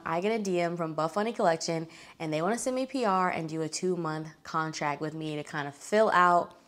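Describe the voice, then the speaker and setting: A young woman vlogger chatting casually to camera, acting out quoted lines with lively jumps in pitch. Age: young adult. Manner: chatty, lots of fillers, acts out quoted dialogue with bright pitch jumps. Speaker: fitness vlogger.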